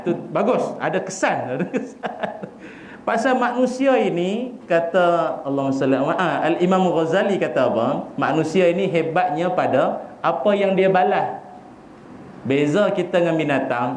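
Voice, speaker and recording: A man with a Malaysian accent giving a humorous sermon, animated and joking as he acts out little scenes. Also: fairly high pitch, a little hiss or hum. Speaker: preacher. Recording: echoey hall with faint ambience.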